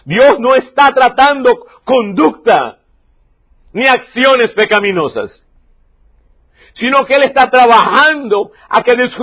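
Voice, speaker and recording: A man preaching a sermon as pastor, emphatic, repeating key lines and swinging from loud to quiet. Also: very high-pitched, dull audio. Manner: emphatic preaching, repeats key phrases, varies loudness sharply.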